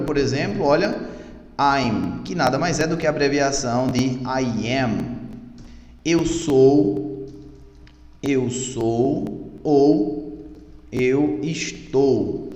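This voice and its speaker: A man's voice: mid-range voice, darkish tone. A man teaching English through song lyrics, explaining step by step and checking in with "tá?" and "né?" as he goes. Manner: slowly sings out English lyric lines. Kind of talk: online English lesson in Portuguese. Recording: echoey room with long reverb.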